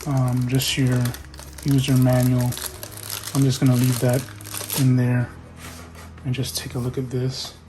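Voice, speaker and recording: A man casually talking through an unboxing in a relaxed, halting way, hosting his own tech video. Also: medium pitch, background noise. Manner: relaxed, halting, with fillers and restarts. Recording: music playing behind.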